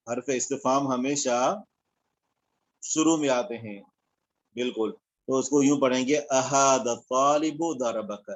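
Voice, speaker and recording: A man teaching an online Arabic grammar class, explaining step by step and checking in with his students. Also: fairly high pitch.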